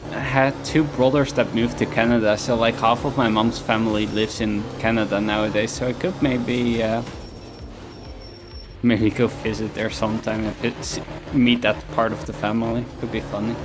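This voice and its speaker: A male streamer chats casually at home while he plays, his voice sitting in a middle register. He rambles and mocks himself, often trailing off mid-thought, with game music running clearly beneath him. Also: mid-range voice, flat delivery, normal speed. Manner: rambling, self-mocking, trailing off. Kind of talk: casual chat while gaming.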